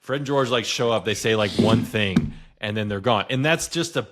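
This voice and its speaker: A man with a very low, deep voice co-hosts a podcast in loose, casual chat. He rambles and leans on filler words, talking into a podcast mic. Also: moderate pace, a bit bright, slight background noise. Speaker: podcast co-host.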